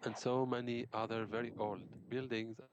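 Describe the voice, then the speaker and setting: A man working as an interpreter, relaying each speaker's words in turn and pausing often with fillers. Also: mid-range voice, level tone, highs cut off, background noise. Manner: hesitant, many fillers. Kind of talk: consecutive interpreting.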